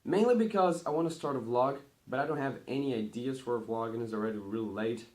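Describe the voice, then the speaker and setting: A Brazilian teenage boy, a native Portuguese speaker, talks casually to his camera at a quick pace, rambling cheerfully at an everyday pitch. Each time he starts a new numbered item, he gets louder and brighter.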